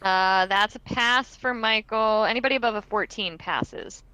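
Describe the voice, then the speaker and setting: A woman's voice: mid-range voice, normal speed, bright, forceful tone, slight background noise, poor audio. A woman narrating and ruling as dungeon master in a tabletop game, casual and chatty, swearing freely.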